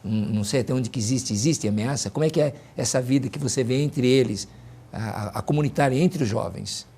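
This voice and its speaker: A man hosting a conversation, speaking thoughtfully and haltingly as he searches for words. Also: mid-range voice, warm tone, breathy edge. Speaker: host. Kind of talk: interview conversation.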